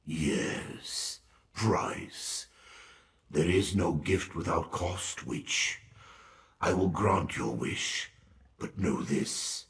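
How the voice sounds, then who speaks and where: Ancient rasping demon lord. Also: male voice, sits low, fairly bright tone, echoey room, heavily acted. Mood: menacing. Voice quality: gravelly rasp. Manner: slow, ominous, grandiose pronouncements. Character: ancient menacing male Daedra demon duke. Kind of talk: fantasy game dramatic acting.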